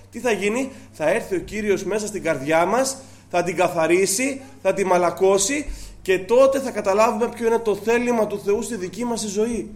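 High-voiced Greek preacher man. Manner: earnest preaching with rhetorical questions and quoted scripture. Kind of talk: sermon.

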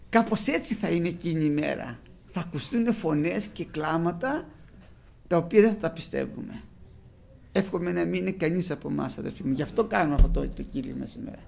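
A man's voice: fairly high pitch, gravelly, darkish tone. A middle-aged man preaching a sermon, telling stories emphatically and with dramatic outbursts. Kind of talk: Pentecostal sermon.

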